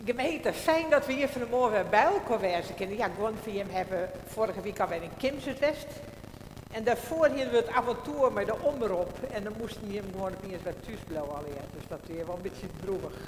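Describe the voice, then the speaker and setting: A woman's voice: mid-range voice, animated, fairly quick. Frisian-accented woman pastor in an echoing church. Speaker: pastor leading a church service. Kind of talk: church service address and prayer. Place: large indoor church. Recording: echoey church hall, long reverb, background noise.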